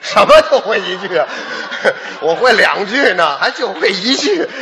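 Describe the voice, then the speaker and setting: A man with a Beijing accent playing straight man in a comedy double act, firing off quick incredulous comebacks. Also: high-pitched, sing-song, sharp tone. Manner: quick incredulous retorts, often laughing. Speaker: straight man in a comic duo. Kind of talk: crosstalk comedy dialogue.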